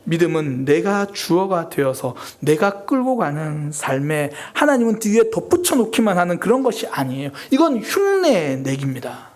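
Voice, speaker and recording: A woman's voice: fairly low pitch, very animated, normal speed, hardly any pauses, darkish tone. A woman pastor preaching a Sunday sermon in a church service, earnest and confessional, acting out her own prayers. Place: church sanctuary during a live Sunday service.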